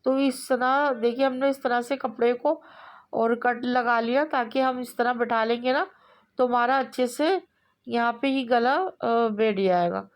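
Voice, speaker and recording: A woman explaining kurti neck stitching step by step in a relaxed, repetitive way, pausing often with fillers. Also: on the high side. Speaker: sewing instructor. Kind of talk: step-by-step tailoring tutorial.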